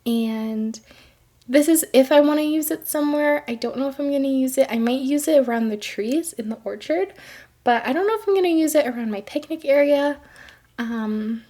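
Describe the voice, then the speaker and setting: Woman, high voice, congested throat, chatty gameplay commentary, gushes over cute details. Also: moderate pace, dark tone. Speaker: gaming video creator.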